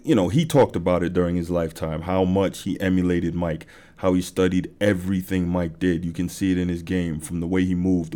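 A man's voice: low-pitched, mellow. A man hosting a sports podcast, talking through basketball stories in a loose conversational way with many fillers. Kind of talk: casual monologue.

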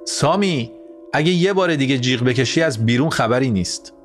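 A man putting on a stressed young mom, grumbly and rushed, voice pitched up. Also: steady tone, a bit bright, faint music behind, natural voice. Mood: exasperated. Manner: hurried, exasperated. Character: harried young mother, irritable, grumbling.

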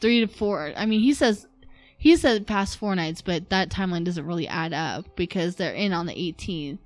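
A woman's voice: fairly low pitch, animated, moderate pace, no echo, faint music behind. A woman hosting a casual podcast, telling a story from notes in a chatty way, with some fillers. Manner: narrates from notes, chatty with laughs. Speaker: podcast host.

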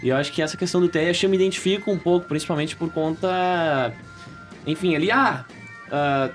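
A man with a Gaúcho Portuguese accent interviewing a guest, asking halting, hesitant questions. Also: a little high, music in the background. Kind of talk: casual interview.

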